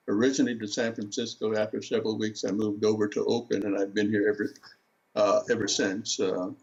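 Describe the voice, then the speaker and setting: Older male interview guest, low husky voice, hesitant with fillers, dull lo-fi sound. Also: a little mellow. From Seattle, USA. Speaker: artist guest. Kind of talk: relaxed interview talk.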